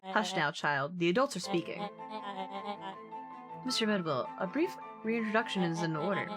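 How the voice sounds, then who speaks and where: A woman voicing a scheming villain mastermind in a boy's body, speaking with slow, pompous, theatrical menace in a scripted story. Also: lowish voice, lively intonation, music in the background, natural voice. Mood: smug, grandiose. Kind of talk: scripted story character dialogue.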